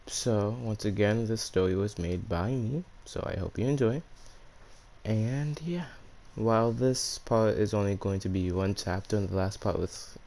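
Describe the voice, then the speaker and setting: A man's voice: on the low side, creaky, darkish tone. A man with a speech impediment that turns his R's into W's, hosting and narrating fan fiction in a casual, slangy way. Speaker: YouTube storyteller and channel host.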